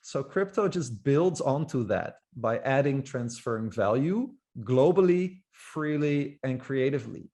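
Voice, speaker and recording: A man presents as a guest speaker at a middle pitch. He sounds eager and informal. He sometimes trips over a word and starts again. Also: lively intonation, measured pace, hardly any pauses, dark tone. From Netherlands. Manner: enthusiastic, informal, occasional restarts. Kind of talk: presentation talk.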